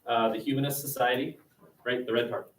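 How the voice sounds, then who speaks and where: A man teaching a high school class, dictating word by word with punctuation spelled out and repeating his instructions. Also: steady tone, a little fast, fairly bright tone. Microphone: distant webcam microphone. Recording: echoey classroom, distant webcam microphone.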